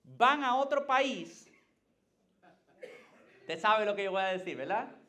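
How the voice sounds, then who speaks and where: A man's voice: high-pitched, expressive, slow, pushed and bright. Puerto Rican male pastor preaching. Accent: Puerto Rican Spanish. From Puerto Rico. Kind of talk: sermon.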